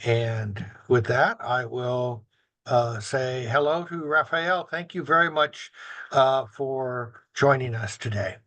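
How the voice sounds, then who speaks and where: A man's voice: mid-range voice, takes it slowly, fairly bright tone. A man hosting a community talk show, reading sponsor notes and announcements with frequent fillers. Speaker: host, senior center director.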